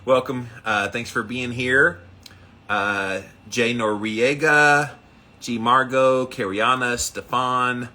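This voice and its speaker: A man's voice: mid-range voice, steady tone, slow pace, pushed and bright. A man hosting a casual livestream, upbeat, repeating himself as he greets viewers by name and reads out their comments. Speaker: livestream host of a daily ice bath challenge.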